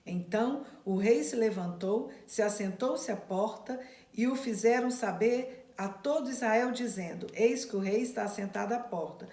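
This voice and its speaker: A woman's voice: fairly high pitch, normal speed, warm tone, echoey room. A woman who reads scripture aloud and then retells it in plain, casual words to her class. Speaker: Bible study teacher. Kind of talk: Bible reading and teaching.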